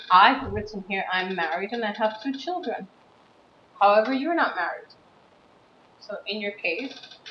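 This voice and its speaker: Patient woman teacher in an echoey room. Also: mid-range voice. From USA. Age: 30s. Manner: slow, patient explaining with stressed words. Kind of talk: classroom writing lesson. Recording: dull, roomy recording with faint background noise.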